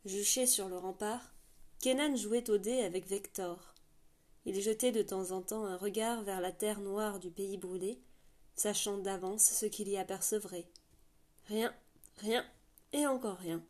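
A woman narrating a novel aloud with a steady, measured reading. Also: mid-range voice. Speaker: audiobook narrator. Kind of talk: scripted storybook narration.

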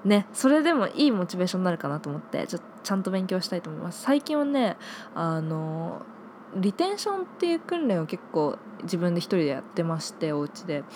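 A woman's voice: lowish voice, big pitch swings, fairly quick, darkish tone, a little hiss or hum. A woman in her twenties hosting a solo podcast, chatting casually and reading listener mail, with many filler words. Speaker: podcast host.

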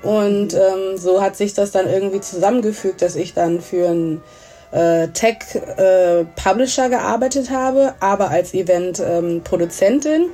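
A thirty-year-old woman from Germany, who grew up in Essen, chats casually as an interview guest and mixes English words into her speech. Her medium-pitched voice is unhurried and mellow, with soft music in the background.

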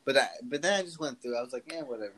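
A teenage guy chatting casually on a podcast with a friend, relaxed and full of slang and swearing. His voice sits at an average pitch, with a faint hiss of noise behind him. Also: racing. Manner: slangy, swears often, laid-back. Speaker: podcast co-host. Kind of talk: casual chat.

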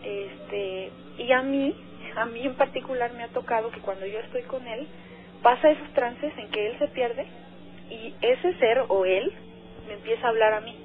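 A woman's voice: on the high side, moderate pace, slight background noise. A woman with a Mexican accent, calling in to a radio show and telling her story in an earnest, hesitant way, with many filler words. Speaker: radio caller. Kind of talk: phone-in conversation. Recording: tinny phone line, faint music.

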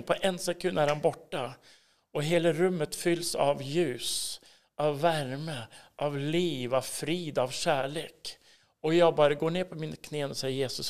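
With a fairly high, gravelly voice and a Swedish accent, a man shares his personal faith testimony as a guest in a casual interview. He's earnest and intense, swinging between hushed whispers and emphatic bursts.

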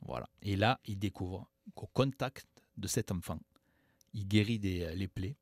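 Low-voiced man chatting on community radio. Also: a little slow, no room sound, studio quality. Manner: relaxed, chatty retelling of a film. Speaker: radio show co-host. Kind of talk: casual radio chat. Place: radio studio.

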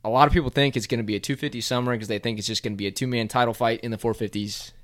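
A man's voice: medium pitch, fairly even intonation, very fast, fairly bright tone. A man co-hosting a podcast, chatting casually and laughing at himself. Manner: chatty, self-deprecating, laughs easily. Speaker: podcast co-host. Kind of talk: casual chat about motocross.

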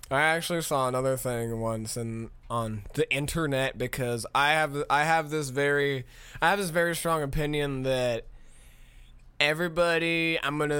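A man's voice: a little high, a bit bright, clear, resonant tone, no echo. A man in his thirties from Minnesota, hosting a podcast in a casual, profane, chuckling ramble. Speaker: podcast host.

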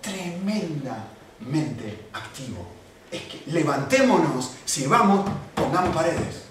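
Man preaching, high lively voice, emphatic, echoey hall from afar. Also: takes it slowly. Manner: animated, emphatic, repeats phrases for emphasis. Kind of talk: sermon. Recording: echoey room from far off, faint background noise.

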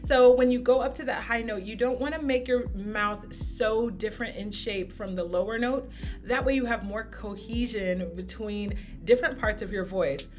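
A woman's voice: a little high, moderate pace, a little mellow. A woman vocal coach talks through a singing lesson in an upbeat, encouraging way. She explains each run and then sings a short example of it. Faint music plays underneath her voice. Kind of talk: singing lesson with sung demonstrations. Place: home studio podcast.

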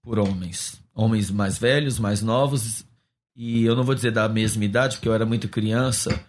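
A man's voice: fairly low pitch, steady tone, normal speed. Earnest male pastor recalling his past. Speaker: pastor, interview guest. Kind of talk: interview testimony.

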